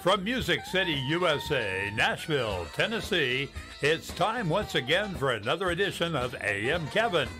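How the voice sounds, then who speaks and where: A man announcing the opening of a show in a booming, showy way. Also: very animated, normal speed. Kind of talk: scripted announcer intro. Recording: music bed under voice.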